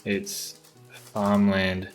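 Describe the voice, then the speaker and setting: Slow, low-voiced man thinking aloud. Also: completely flat delivery, faint music behind. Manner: hesitant, thinking aloud with many ums. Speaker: streamer. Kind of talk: casual livestream brainstorming.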